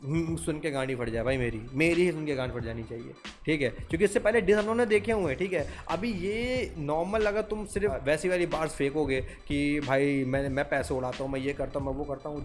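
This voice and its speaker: A young Indian man hosting a reaction video, talking casually to viewers and switching between Hindi and English. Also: fairly high pitch. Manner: chatty, mixes Hindi and English, keeps saying "bhai" and "theek hai". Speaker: reaction channel host.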